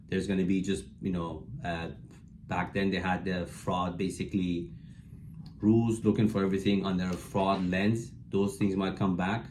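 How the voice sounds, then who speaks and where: A man working as an immigration attorney, explaining in a measured, practical way and hedging his predictions, with frequent fillers. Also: low-pitched, darkish tone, slight background noise. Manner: hedges his predictions as opinion. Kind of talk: explanatory talk to camera.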